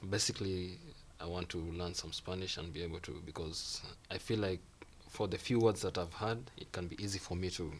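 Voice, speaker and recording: In a casual interview, a young Kenyan student guest with Swahili as his first language talks a little fast in a low-pitched voice, with hardly any pauses. He stays relaxed, repeating phrases and acting out quoted reactions. The recording has faint background noise.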